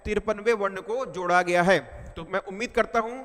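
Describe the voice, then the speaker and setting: Man, high voice, exam-prep teacher, repeats points, quizzes students, long hall echo. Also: fairly even intonation, brisk, fairly bright tone. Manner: repetitive, quizzing students with questions.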